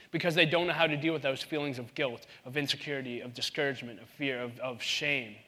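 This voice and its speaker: Bright-voiced animated male preacher. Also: on the high side. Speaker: pastor. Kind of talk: sermon.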